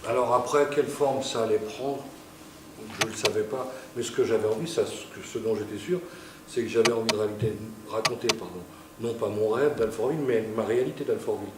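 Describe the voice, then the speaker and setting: Earnest low-voiced man, distant and echoey. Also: a little fast, very noisy. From France. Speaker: amateur theatre participant. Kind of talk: casual spoken account. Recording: echoey room, distant mic.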